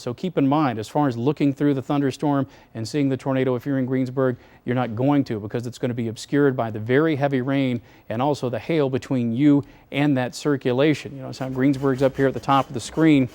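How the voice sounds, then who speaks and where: Male TV meteorologist, mid-pitched, serious and explanatory, delivering live severe storm warnings from a studio. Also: a little mellow. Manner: measured, serious, explanatory, urging caution. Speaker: TV weather forecaster anchoring storm coverage. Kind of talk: live severe weather commentary.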